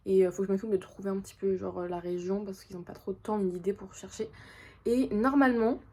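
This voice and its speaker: A young woman talking to her followers in a loose, chatty vlog. She speaks with everyday slang and lots of fillers, at a middle pitch. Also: steady tone, fast, mellow. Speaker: vlogger. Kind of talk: casual vlog chat to camera.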